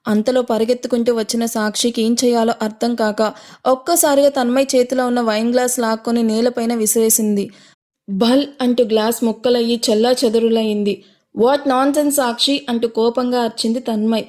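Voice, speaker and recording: Brief: female storyteller, mellow dark tone, a bit high, dramatic read. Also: flat delivery, fairly quick. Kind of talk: scripted audio story narration.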